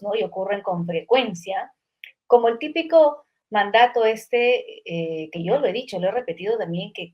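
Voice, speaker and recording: Middle-aged woman, psychologist co-host; reflective, filler-heavy chat, mid pitch. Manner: reflective, many fillers and tag questions. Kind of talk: casual conversation.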